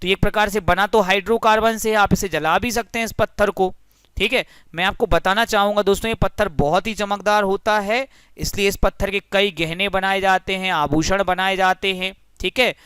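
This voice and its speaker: A man's voice: sits high, fairly even intonation, moderate pace, a bit bright, smooth, dry recording, studio quality. A young man teaching a physics lesson through a story, friendly and explanatory, often addressing the listeners as friends.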